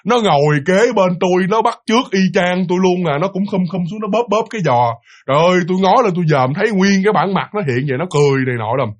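A man's voice: sits high, lively intonation, quick pace. Man voicing a fed-up auntie. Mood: complaining. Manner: complaining, exasperated pleading. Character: aggrieved older aunt scolding a ghost.

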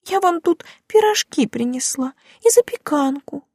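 A woman voicing a fussy, bossy elderly female neighbor in an audiobook, with a high cooing voice and a gushing, commanding manner. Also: animated, a little slow, a little mellow, dry recording, clean studio sound. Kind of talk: audiobook character voice.

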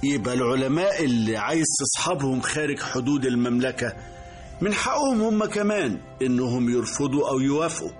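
A man's voice: medium pitch, animated, fairly quick, soft background music, lightly acted. A man playing a stern, principled king and father with an Egyptian accent in a radio drama. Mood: stern, probing.

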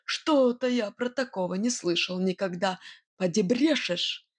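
Storybook villain: woman voicing a gruff, blustering robber man, loud and raised in pitch. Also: unhurried, dry recording. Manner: blustering, then grim and menacing. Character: gruff boastful male robber whistler. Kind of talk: audiobook character voice.

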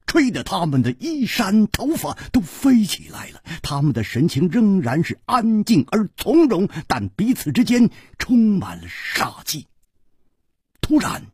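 A man's voice: a little high, darkish tone, husky, dry recording, clean studio sound. A man telling a martial-arts story with dramatic, swinging delivery.

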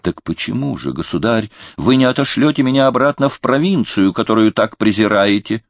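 A man's voice: lowish voice, expressive, fairly quick, no echo, clean studio sound. Man playing a hot-tempered young courtier. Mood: heated. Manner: impassioned, defiant.

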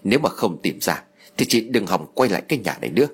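A man's voice: fairly low pitch, big pitch swings, quick pace, breathy edge, heavily acted. A man reading an audio story, voicing a stern, scheming wealthy mother who snaps orders. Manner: curt and commanding.

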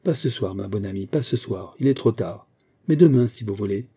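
A man voicing a harsh, shrill old spinster schoolmistress who scolds loudly. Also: expressive, brisk, breathy edge. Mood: falsely sweet. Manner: scolding, loud.

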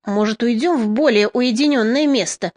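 A woman's voice: fairly high pitch, normal speed, a little mellow, natural voice. A woman reading an audiobook, voicing a frightened man disguised as a woman who pleads in a trembling way. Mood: fearful. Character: frightened cross-dressed man posing as a woman.

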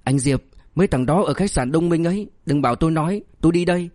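A man puts on a cowardly, chubby young man who wails and begs, his voice pushed high and strained. The voice is close and dry, with no room around it. It is an audiobook character voice. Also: fast talker, darkish tone, no echo, close to an everyday voice. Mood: hasty, nervous. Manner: wailing, pleading.

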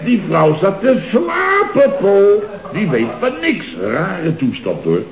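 A rambling, jovial boss. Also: male voice, sits high, wildly swooping pitch, slow pace, over music, full character voice. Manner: rambling, jovial storytelling with many asides. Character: chatty boastful male construction firm boss. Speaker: boss of a contracting firm. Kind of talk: 1960s radio comedy acting. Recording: dull, roomy old radio recording.

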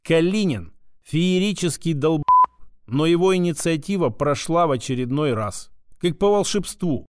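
A man's voice: a little high, lively intonation, normal speed, a little mellow, smooth, no room sound, studio quality, close to an everyday voice. A man voicing a fierce, foul-mouthed blonde woman commander who snarls and swears in exasperation. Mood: angry, bitter.

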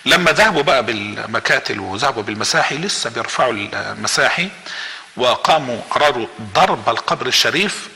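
A man with an Egyptian accent telling a religious story as a guest, acting out the quoted speech of the people in it with lively energy. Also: mid-range voice, quick pace, big-room sound.

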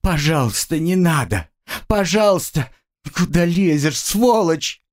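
A man's voice: on the high side, lively intonation, measured pace, pitched above the performer's own voice. A man voicing a frightened young female student who pleads and cries out in desperation. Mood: screaming.

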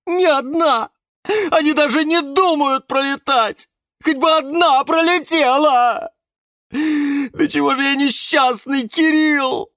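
A man's voice: high-pitched, animated, moderate pace, a bit bright, dry recording, studio quality, voice pushed up. A man voicing a melodramatic, whiny male Venus flytrap in a storybook. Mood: sobbing. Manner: whiny, tearful.

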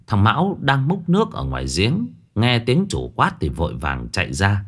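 Expressive low-voiced male ghost-story narrator. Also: normal speed, husky.

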